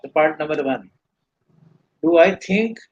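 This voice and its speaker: A man's voice: a little high, animated, measured pace, highs cut off. A man with an Indian accent giving earnest, rambling spiritual teaching in a live question-and-answer session. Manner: earnest, rambling explanations with restarts.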